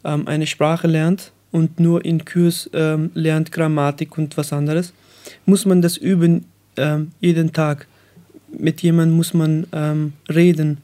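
A nineteen-year-old man from Afghanistan, a radio guest, speaking slowly and searching for words with many fillers. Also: a little high, little pitch movement, mellow. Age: young adult. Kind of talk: radio interview.

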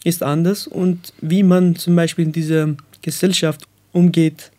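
A nineteen-year-old man from Afghanistan, a radio guest, speaking slowly and searching for words with many fillers. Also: a little high, level tone, dark tone. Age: young adult. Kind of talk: radio interview.

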